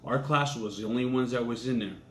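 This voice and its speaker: A man's voice: medium pitch, a little fast, a bit bright. A young man casually telling a crude personal anecdote in a laid-back, profane way. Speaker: storyteller. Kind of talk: casual storytelling. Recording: echoey room with faint ambient noise.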